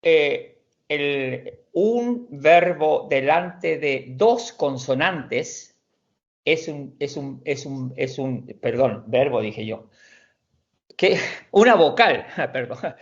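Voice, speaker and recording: A man teaching an online language class, explaining slowly and patiently, with frequent restarts and repeated words. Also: fairly high pitch, animated, dull audio. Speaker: Swedish teacher.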